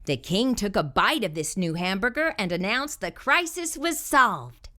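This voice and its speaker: In an unhurried, medium-pitched voice, a woman reads a children's picture book aloud, using theatrical emphasis and an animated storytelling style.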